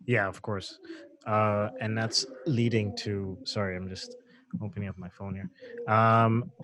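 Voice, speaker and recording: This sourcing-show host has a lowish voice and a measured pace as he runs a manufacturing live stream. His talk is casual and full of fillers, and he reads viewer comments aloud along the way.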